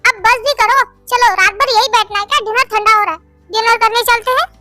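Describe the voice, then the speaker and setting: A woman plays a fond, teasing mother in a fan-dub story, gently coaxing in a very high, bright voice. It is recorded dry with soft music under it. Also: steady tone, a little fast, dry recording.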